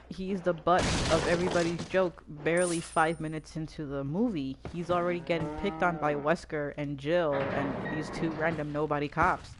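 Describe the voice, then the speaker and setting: A woman's voice: low voice, noisy background. A woman giving scattered, self-deprecating commentary while playing a game. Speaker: gamer reviewing a film. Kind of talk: casual rambling commentary.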